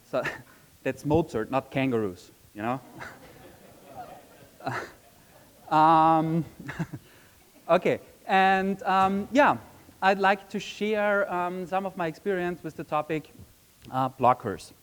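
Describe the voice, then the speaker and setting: A man's voice: a little high, poor audio. A man from Austria, giving a conference presentation in a chatty way, often saying "um" and asking "right?". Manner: chatty, frequent "um" and tag question "right?". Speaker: conference speaker. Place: conference session room.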